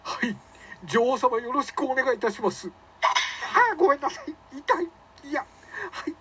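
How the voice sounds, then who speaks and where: A man's voice: extremely high pitch, lively intonation, normal speed, fairly bright tone, slightly rough, voice pushed up, exaggerated voice. A man playing a groveling man who whimpers and begs his queen in a comedy skit. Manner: whimpering, overly eager.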